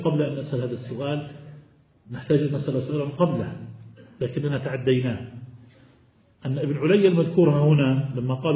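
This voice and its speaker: A man gives a classical text lesson, working through each point and quizzing his students before answering himself. His voice sits a little high yet sounds mellow. The recording is muffled and lo-fi, with heavy echo from the room. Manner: explanatory, poses questions to students then answers. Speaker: hadith teacher. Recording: echoey, dull lo-fi room recording.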